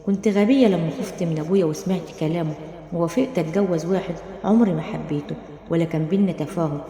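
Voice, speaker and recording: A woman's voice: lowish voice, fast, mellow, lightly acted. A woman with an Egyptian accent voicing a frightened, weepy young wife in a roomy, echoing recording. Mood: tearful. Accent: Egyptian Arabic. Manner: pleading, weepy. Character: frightened tearful young wife, unhappy in marriage. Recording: roomy, long reverb.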